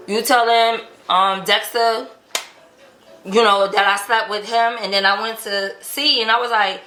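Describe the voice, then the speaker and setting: A vlog host tells a personal relationship story in a casual, conversational way, acting out the quoted dialogue. Her voice is high-ish and sharp, and the untreated room gives the recording an echo.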